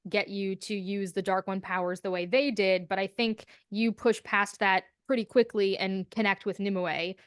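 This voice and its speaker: A young adult woman co-hosting a podcast, telling a story in casual chat and acting out the quotes with lively swearing. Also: mid-range voice, moderate pace, hardly any pauses, clear, resonant tone, no echo, studio quality. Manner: animated, acts out quotes, swears freely. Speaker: podcast co-host.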